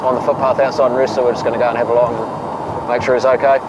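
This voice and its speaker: A New constable speaks fast, firm and matter-of-fact. Loud street and traffic noise fills the field recording. His voice is mid-pitched. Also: level tone. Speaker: police constable.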